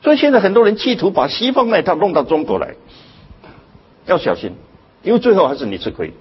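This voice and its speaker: Older male lecturer, husky voice, lively swooping pitch, dull lo-fi recording, emphatic and questioning. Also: fast talker. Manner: emphatic, rhetorical questions, sudden jumps in pitch. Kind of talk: public lecture.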